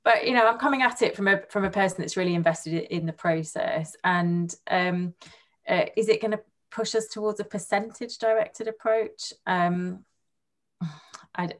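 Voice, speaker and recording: A woman's voice: medium pitch, normal speed. A woman surgeon answering hesitantly on a webinar panel over a video call. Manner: hesitant, many restarts and fillers.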